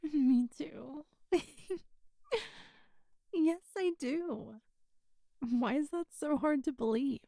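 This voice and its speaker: In an intimate audio roleplay, a woman speaks very slowly and close to the mic, her high voice soft, hushed, coaxing and partly whispered. Her tone is warm and mellow with a gentle vocal fry, and the recording is completely dry, with no room sound.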